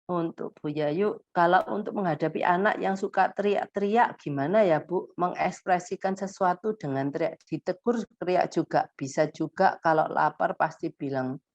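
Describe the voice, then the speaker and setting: A woman therapist giving gentle advice to parents in a live question-and-answer session, thinking aloud as she goes. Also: fairly low pitch, normal speed, highs cut off.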